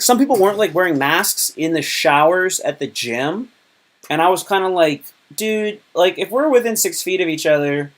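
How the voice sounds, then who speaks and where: A young man live streaming, telling crude, joking stories in a rambling way full of fillers and restarts. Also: mid-range voice. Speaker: live streamer and stand-up comedian. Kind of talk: casual live-stream storytelling.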